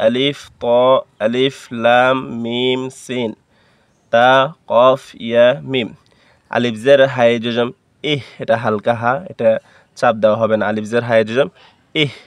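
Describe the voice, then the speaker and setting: Bangladeshi bengali guy teaching quran reading, spells it all out super slow, pretty monotone. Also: mid-range voice, clean tone, no echo. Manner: spells letters and vowel marks one by one, then recites drawn out.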